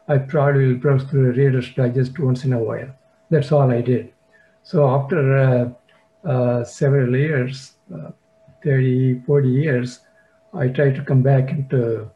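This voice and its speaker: An older man from India with a Tamil-influenced English accent, a poet talking casually on a video call, hesitant and full of fillers and restarts. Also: medium pitch. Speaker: poet sharing his work. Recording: dull lo-fi video call audio.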